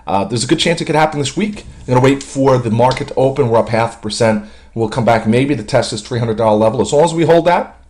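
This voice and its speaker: Man, stock market commentator, confident, quick delivery, casual filler words. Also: mid-range voice, a little mellow. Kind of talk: screen-share chart walkthrough.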